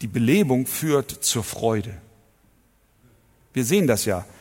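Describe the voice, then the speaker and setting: Husky preacher in a reverberant hall. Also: male voice, medium pitch, sing-song, takes it slowly. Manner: emphatic, asks rhetorical questions and swings between loud and soft. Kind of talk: sermon.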